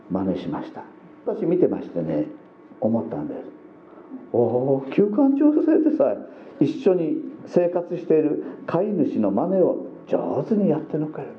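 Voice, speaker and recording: A male pastor preaching a sermon, speaking directly to the congregation with dramatic swoops between high and low. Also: slight background noise. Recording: echoey, dull lo-fi sound.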